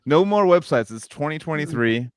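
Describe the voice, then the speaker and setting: A man's voice: fairly high pitch, animated, normal speed, clean tone, no room sound, clean studio sound. A man with a Californian accent co-hosting a podcast in a casual, profane, slangy and jokey way. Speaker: podcast co-host. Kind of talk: casual chat.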